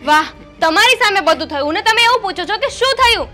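A young woman with a Gujarati accent playing a sharp-tongued, demanding daughter-in-law. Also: very high voice, lively intonation, a little fast, soft background music, heavily acted. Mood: indignant. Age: young adult. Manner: demanding, shouting at in-laws.

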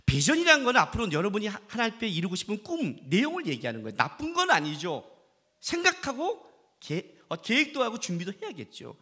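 Animated, high-pitched man preaching. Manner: animated storytelling with acted-out quotes. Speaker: pastor. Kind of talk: sermon. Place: church worship service.

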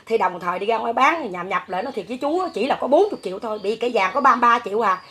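Fast-talking Southern Vietnamese mother. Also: fairly high pitch, lively intonation, pushed and bright. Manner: rambling, hesitant, many fillers. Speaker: interviewee, mother. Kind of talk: casual storytelling.

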